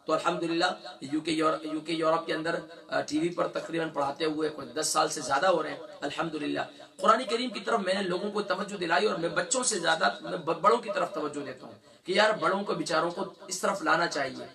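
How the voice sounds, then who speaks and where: A middle-aged man teaching Quran recitation, explaining and then slowly drawing out letters and syllables for students to copy, chuckling often as he talks. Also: on the high side, creaky, fairly bright tone, far from the mic. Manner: demonstrates sounds slowly, repeating letters with drawn-out recitation. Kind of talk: religious lesson with recitation drills.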